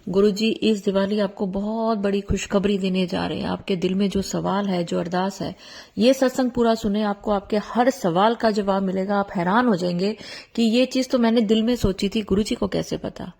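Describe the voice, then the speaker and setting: A woman's voice: medium pitch, steady tone, moderate pace, gravelly, darkish tone. A middle-aged woman hosting a devotional channel, talking earnestly and pleading with her followers.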